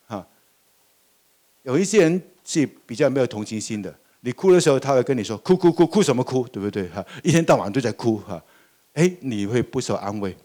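An older man, a pastor, preaching a sermon in a lively way, often asking the congregation questions and laughing. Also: medium pitch, brisk.

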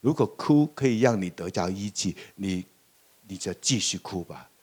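Older guy doing a soft gentle jesus comforting a widow, quiet and slow. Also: low voice, lively intonation, husky, voice pushed down. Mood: tender. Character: gentle compassionate Jesus consoling a grieving widow.

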